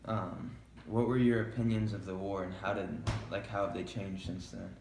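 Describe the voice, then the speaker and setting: A man's voice: deep voice, fairly even intonation, moderate pace. A young American man interviewing someone informally, with casual, tentative phrasing. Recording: echoey room, faint background noise.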